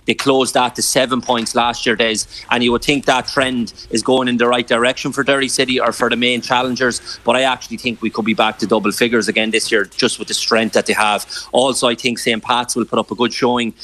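A man's voice: medium pitch, sharp tone. A man with a west of Ireland accent giving football analysis in a live radio interview, stressing points emphatically. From Sligo, west of Ireland.

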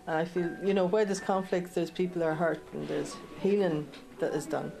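An Irish woman gives casual interview answers. Her voice is on the low side and creaky, with music playing behind her. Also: fairly even intonation, moderate pace, mellow, rough recording. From County Wicklow, Ireland.

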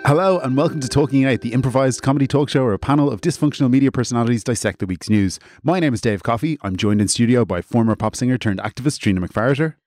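Brisk comedy show host. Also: male voice, medium pitch, darkish tone, no echo, faint music behind. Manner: brisk, straight-faced presenter. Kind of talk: improvised comedy talk show.

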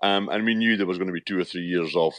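A man in his fifties from Shetland with a Shetland Scottish accent, chatting as a radio interview guest in a halting way, often repeating words. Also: low-pitched, fairly bright tone, no room sound. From Shetland, Scotland. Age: 50s.

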